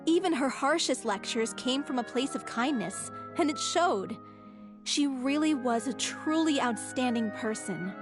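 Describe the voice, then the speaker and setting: A gentle young actress of a theater troupe in a video game. She speaks softly and wistfully in a high voice. Game music is clearly audible underneath. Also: lively intonation, unhurried.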